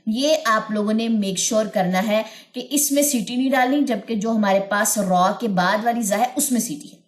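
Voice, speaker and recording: Female recitation teacher with a higher voice, unhurried, sounds out each word again and again; roomy echo. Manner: explains slowly and demonstrates each word repeatedly. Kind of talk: recorded lesson. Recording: echoey room.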